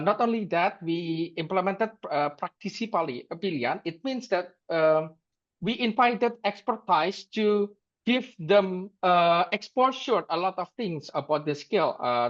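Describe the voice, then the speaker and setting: A man, giving a halting presentation on a video call, full of fillers and restarts. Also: high voice. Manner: hesitant, many fillers and restarts. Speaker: delegate presenting his school. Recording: muffled video call audio.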